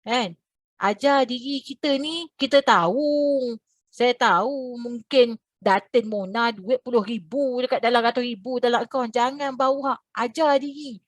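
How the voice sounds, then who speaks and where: A woman from Malaysia, a religious teacher, telling a story to her class over a video call in a lively, expressive way. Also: measured pace, no echo. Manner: animated, expressive, swings in pitch and loudness.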